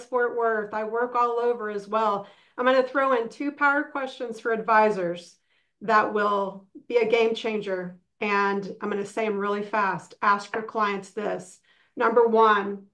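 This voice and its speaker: A woman with a fairly high voice speaks as a specialist on an online panel. Her delivery is brisk and emphatic, and she leans on key points. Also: a bit bright. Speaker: long-term care specialist. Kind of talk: webinar panel talk.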